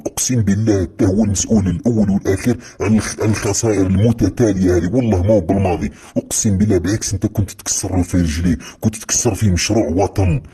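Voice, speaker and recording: A man with an Algerian accent delivering a heated, accusatory monologue as a football commentator, repeating his points forcefully. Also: deep voice, husky. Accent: Algerian Arabic. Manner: heated, accusatory, repetitive rant. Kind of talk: impassioned monologue.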